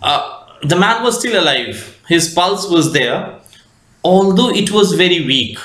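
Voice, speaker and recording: Slow Indian English lecturer in echoey room. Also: male voice, high voice, animated, fairly bright tone. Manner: slow, deliberate lecturing with frequent fillers and rephrasing. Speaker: teacher. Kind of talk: reading a story aloud and explaining it.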